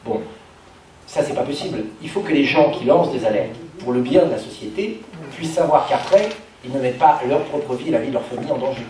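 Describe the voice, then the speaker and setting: A man's voice: mid-range voice, expressive, a little fast, warm tone. A man giving structured, explanatory answers as a political speaker at a public meeting. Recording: very echoey room, distant, faint noise.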